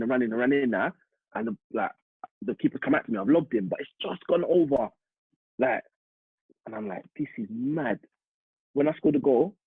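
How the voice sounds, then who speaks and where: A young man from East London with a London accent, a football striker telling a lively story in a casual interview. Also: mid-range voice, gravelly, husky, no room sound. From East London, England. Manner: animated, vivid retelling with acted-out quotes. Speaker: interview guest, semi-pro striker. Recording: muffled phone-like audio.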